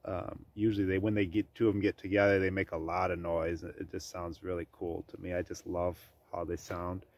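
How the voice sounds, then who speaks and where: A man's voice: low voice, little pitch movement, brisk, hardly any pauses, darkish tone, highs cut off. A man vlogging from his farm, talking casually and rambling with many ums and uhs. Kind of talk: casual chat to camera.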